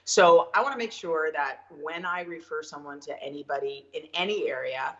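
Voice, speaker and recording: A Canadian woman talks freely as an interview guest, chatty and quick to laugh, with plenty of fillers. Her voice sits very low for a woman, and the recording is a bit dull and lo-fi. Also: fairly bright tone. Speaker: guest realtor. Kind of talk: casual interview.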